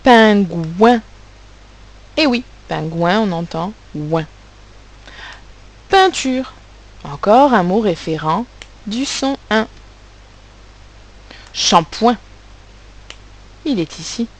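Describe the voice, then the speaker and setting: A woman teacher giving a recorded phonics lesson to children, articulating sounds and syllables slowly and with care. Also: medium pitch, sing-song, poor audio. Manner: slow, carefully articulated, stressing sounds and syllables. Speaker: primary school teacher.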